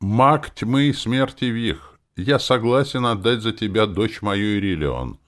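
A man's voice: medium pitch, big pitch swings, normal speed, pitched above the performer's own voice, close to an everyday voice. A man voicing a grumpy, stern older elf architect and father in an audiobook, blustering and formal by turns. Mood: solemn. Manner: blustering, then solemn and formal.

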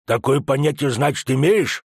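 A man's voice: mid-range voice, moderate pace, vocal fry, darkish tone, husky, dry recording, studio quality. A man voicing a quarrelsome male dwarf who brushes things off with a scoff in an audiobook.

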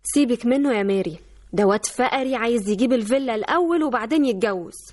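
An actress playing a blunt, sharp-tongued young woman with an Egyptian accent in a radio drama. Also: fairly high pitch, lively intonation. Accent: Egyptian Arabic. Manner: blunt, quick retorts. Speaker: daughter and fiancée.

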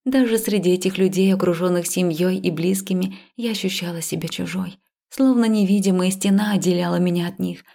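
A woman reading a first-person fantasy audiobook in a calm, even manner. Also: lowish voice, fairly quick, vocal fry. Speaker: audiobook narrator. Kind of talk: first-person scripted narration.

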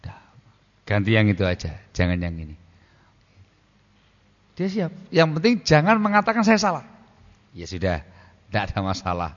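A man's voice: on the low side, wildly swooping pitch, normal speed, long pauses, long reverb tail, lo-fi sound. A man preaching on marriage to an audience, conversational and prodding them with questions, sometimes acting out what a spouse would say. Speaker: Islamic preacher. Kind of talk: religious lecture on marriage.

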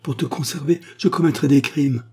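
A man voicing an anxious, guilt-torn woman in an audiobook, his voice raised in pitch and trembling with pleading. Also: moderate pace, dark tone, breathy edge, natural voice.

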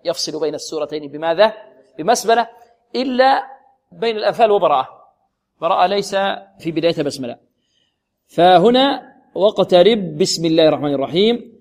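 Man, recitation teacher, lightly raised pitch, drills rules and demonstrates sounds slowly. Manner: quizzes listeners and answers himself, repeating each rule. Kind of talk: recitation lesson.

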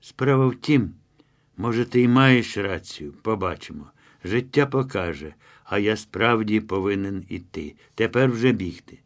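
Audiobook figure: determined man in a hurry, clipped phrases, read by the narrator in a low voice. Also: expressive, measured pace. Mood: hurried. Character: hurried resolute man on the phone.

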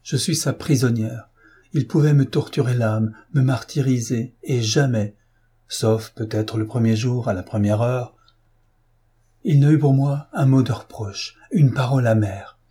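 A man's voice: mid-range voice, measured pace, warm tone, breathy edge. A man reading an audiobook, voicing an anguished, tearful young aristocratic wife in a pleading manner. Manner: pleading, sobbing.

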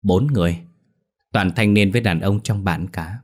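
A man doing an older village man in an audio ghost story, speaking in a deep, low voice. He is calm and a little evasive and keeps an unhurried, plain way of talking. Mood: grave.

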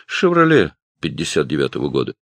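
A man voicing a plain, calm country man who gives short, guarded answers. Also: extremely low pitch, fairly quick, vocal fry, dry recording, full character voice.

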